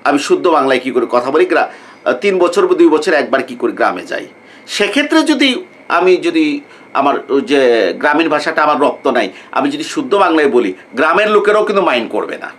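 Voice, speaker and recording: A man's voice: fairly high pitch, sing-song, fairly bright tone. A male lecturer from Bangladesh giving students an informal talk, often stopping mid-sentence on a questioning filler before finishing the thought. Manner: repetitive, rhetorical, fills pauses with a questioning "what". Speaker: economics lecturer.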